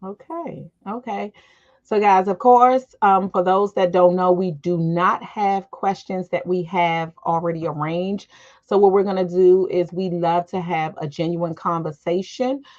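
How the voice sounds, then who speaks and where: A middle-aged American woman from the Washington DC area hosts an informal panel discussion. Her voice sits on the low side, steady and a little mellow, and she speaks without hurry. The call audio is dull and lo-fi.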